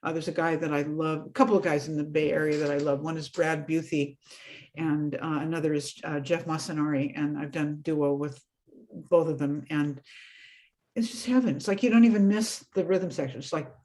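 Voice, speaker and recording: Chatting as a guest over a video call, a woman singer with a light voice is animated and full of enthusiasm, laughing frequently during the casual interview. She talks at a normal speed with a low voice.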